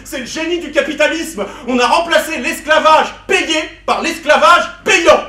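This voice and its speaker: A man with a high, bright voice performing a satirical one-man show, sarcastic and theatrical, punching out his lines. He is heard from a distance in a roomy hall, with a faint hum behind him. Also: moderate pace. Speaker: comedian.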